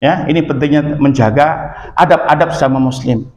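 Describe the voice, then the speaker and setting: A man's voice: fairly high pitch, moderate pace. A man from Madura with a Madurese accent, teaching a religious lesson in an emphatic manner and often checking in with his listeners. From Madura, Indonesia. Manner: lively, emphatic, with frequent affirming "ya". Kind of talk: religious lesson explaining a text. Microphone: phone camera.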